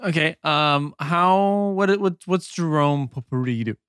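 A man narrating as game master in a tabletop role-play game, unhurried and descriptive, with many fillers. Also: fairly high pitch, a bit bright, clean tone, no room sound, studio quality.

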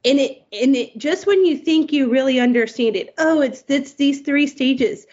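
A woman's voice: high voice, normal speed, darkish tone. A woman in her forties, a homeschooling mother, talking casually in an interview, rambling and cutting herself off with easy laughs. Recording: muffled lo-fi audio.

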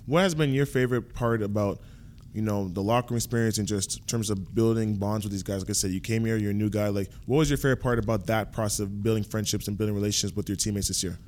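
A man's voice: on the low side, quick pace, darkish tone, a little hiss or hum. A man in his early twenties hosting a casual podcast interview, chatty and full of fillers like "obviously.". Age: 20s. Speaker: podcast host, athlete.

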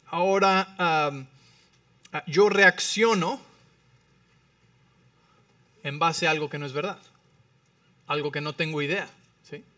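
A male pastor preaching a sermon, animated, swinging between loud emphatic phrases and quiet low ones, often checking in with the listeners. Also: takes it slowly, pauses often, far from the mic. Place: church.

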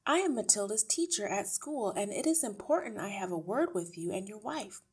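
A woman's voice: mid-range voice, expressive, normal speed, slightly rough, voice pushed up. A woman voicing a slim, polite but resolute woman schoolteacher in a storybook, speaking earnestly and firmly. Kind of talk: acted audiobook dialogue.

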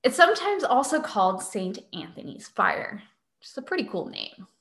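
Bright, lively woman podcast host. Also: fairly high pitch, normal speed, echoey room. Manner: sarcastic, chatty explainer. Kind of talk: casual science podcast chat.

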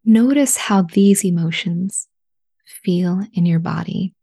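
Woman doing guided meditation, soft spa whisper, really slow n mellow, breathy. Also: on the low side. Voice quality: breathy, hushed. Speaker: guided relaxation instructor.

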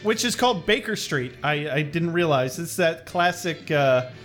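A man's voice: a little high, lively intonation, moderate pace, a bit bright, faint music behind. A man co-hosting a podcast, recapping an episode in a rambling, jokey and profane way. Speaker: podcast co-host.

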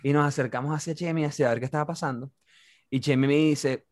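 A man's voice: fairly high pitch, steady tone, darkish tone, no room sound, clean studio sound. A young man with a Venezuelan accent, telling a slangy party story on a podcast and acting out the voices of the people in it. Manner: rapid, slangy, acts out quoted voices. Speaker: podcast host. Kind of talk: casual storytelling.

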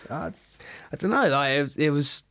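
A man's voice: a little high, lively intonation, moderate pace, vocal fry, a bit bright, dry recording. Casual young man, dry sound. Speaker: podcast guest, chef. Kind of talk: casual interview chat.

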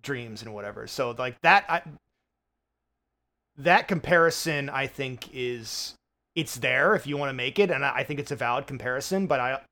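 A man's voice: mid-range voice, expressive, moderate pace, bright, forceful tone. A man co-hosting a film review podcast, chatting casually with many fillers and restarts, swearing now and then.

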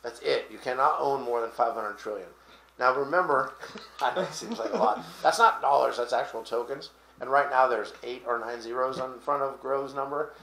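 Bright-voiced man rambling on crypto. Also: mid-range voice, moderate pace, creaky, reverberant, a little hiss or hum. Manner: rambling, explains with fillers and restarts. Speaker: podcast host. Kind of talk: casual crypto talk show chat.

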